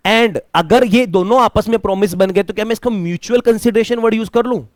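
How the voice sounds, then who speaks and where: A man's voice: high-pitched, fairly quick, no room sound, clean studio sound. A man teaching a classroom lecture, asking students questions and mixing English terms into his talk. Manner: mixes Hindi with English terms.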